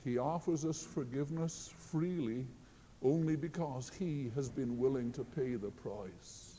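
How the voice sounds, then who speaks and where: A man preaching a sermon in a slow, earnest way, quoting scripture often. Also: mid-range voice, mellow, a little hiss or hum. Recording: long hall reverb.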